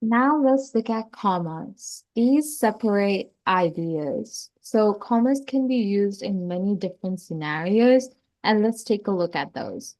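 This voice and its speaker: A woman's voice: medium pitch, lively intonation, a little slow, darkish tone. A woman explaining grammar to young children in a casual, chatty way, often saying "like" and restarting sentences. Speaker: teacher.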